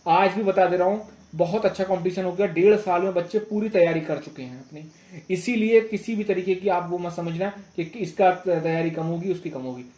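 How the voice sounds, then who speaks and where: In an echoey room, a man with a high, brisk, slightly mellow voice gives informal exam guidance as a teacher. He's instructive, repeats phrases, and keeps checking that his listeners are following.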